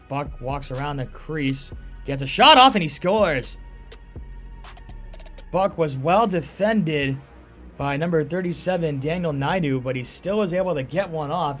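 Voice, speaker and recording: A man calling live lacrosse play-by-play as a commentator, given to excited shouted goal calls. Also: mid-range voice.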